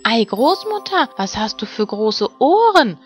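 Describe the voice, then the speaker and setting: An innocent little fairy-tale girl, put on by a woman, speaking in a raised voice. She is eager, trusting and full of artless wonder, with soft music underneath. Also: mid-range voice, animated, normal speed, voice pushed up, close to an everyday voice. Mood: wondering, uneasy. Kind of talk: fairy-tale storybook reading.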